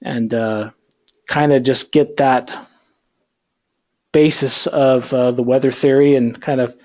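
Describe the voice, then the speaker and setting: A man's voice: mid-range voice, slow, highs cut off. A male instructor lecturing an online class over a computer call, rambling with lots of fillers. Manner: rambling, filler-heavy, relaxed. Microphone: computer mic on a video call.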